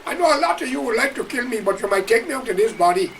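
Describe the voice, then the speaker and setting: Emphatic high-voiced Guyanese man. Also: big pitch swings, fast, fairly bright tone, recorded from a distance, a little hiss or hum, rough recording. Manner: preachy, emphatic, addresses listeners directly. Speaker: political commentator. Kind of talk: impassioned monologue.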